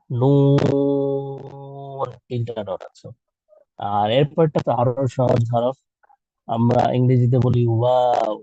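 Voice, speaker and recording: A man's voice: mid-range voice, mellow, no echo, lo-fi sound. A man teaching children in an online class, patiently drawing out and repeating letter sounds for them to copy. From Bangladesh.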